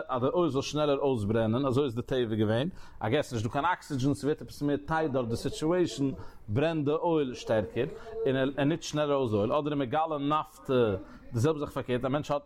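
A man teaching a Talmud lesson in a sing-song learning cadence, often restarting his phrases. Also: mid-range voice. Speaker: Torah teacher.

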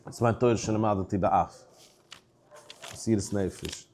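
A man teaching a Talmud class, animated, posing questions and answering them himself. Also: on the low side, normal speed, a little hiss or hum. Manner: animated, asks and answers his own questions. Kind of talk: Talmud lecture.

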